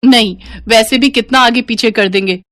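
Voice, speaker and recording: A woman's voice: on the high side, normal speed, a bit bright, no room sound, studio quality, natural voice. A woman voicing a playful young woman who loves saris, talking in a chirpy, cheeky way.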